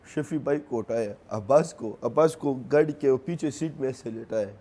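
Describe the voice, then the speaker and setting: This young man, a native Pashto speaker from Khyber Pakhtunkhwa, Pakistan, is in mourning and tells his story to an interviewer. His words come out broken and hesitant, circling back on themselves. He speaks at a medium pitch with a dark quality, and his accent is Pashto.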